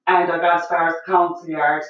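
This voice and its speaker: A woman's voice: on the low side, flat delivery, fast, lo-fi sound. Woman, middle-aged, Irish accent, run-on vivid storytelling, echoey room. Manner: vivid, run-on storytelling with many quoted exchanges. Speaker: guest, the host's mother. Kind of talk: emotional storytelling in casual chat.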